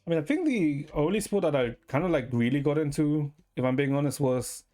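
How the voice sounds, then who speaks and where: In this casual, rambling stream chat, the streamer sounds animated and warm, speaking at medium pitch and a little fast. The talk wanders hesitantly, with frequent "right?" tags and the odd swear word, set against soft background music.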